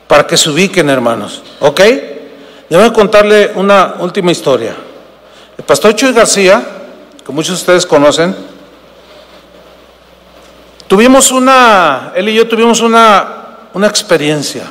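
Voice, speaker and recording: Older Mexican pastor preaching with hall reverb. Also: male voice, high-pitched, very animated, normal speed, fairly bright tone. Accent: Mexican Spanish. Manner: emphatic, repeats phrases, addresses listeners as brothers. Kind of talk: sermon with storytelling. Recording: long reverb of a large hall.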